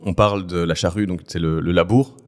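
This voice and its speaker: A man's voice: sits low, fairly even intonation, brisk. A man hosting a podcast, introducing the show and asking a guest questions with some hesitation. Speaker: podcast host. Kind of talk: podcast interview.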